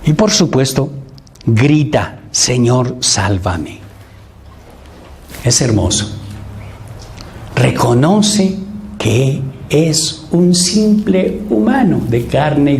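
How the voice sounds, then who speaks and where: A priest preaches at a Lenten retreat in a voice on the high side, with a little hiss or hum in the recording. He is animated, acting out the voices he quotes and asking his listeners rhetorical questions.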